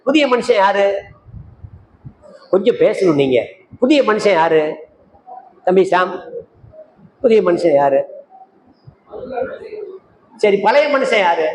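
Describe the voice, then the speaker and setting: In a church meeting hall that echoes with faint noise, an older evangelist from Tamil Nadu, India, preaches slowly with long pauses, his high voice swinging widely in pitch. He hurls rhetorical questions at the crowd and addresses listeners by name.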